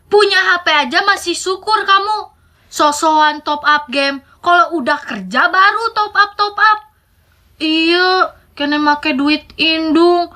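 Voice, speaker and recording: A woman's voice: very high voice, pushed and bright, pitched above the performer's own voice, full character voice. A woman voicing a poor, exasperated mother who scolds her child with a Sundanese accent. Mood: scolding. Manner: nagging, drawn-out scolding.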